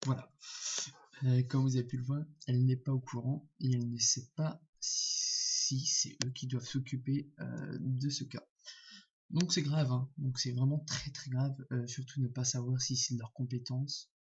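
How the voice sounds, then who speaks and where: A man's voice: medium pitch, flat delivery, normal speed, creaky, muffled recording, a little hiss or hum. A man, talking casually to his viewers in an indignant, rambling way, full of fillers and restarts. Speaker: vlogger. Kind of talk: casual vlog commentary.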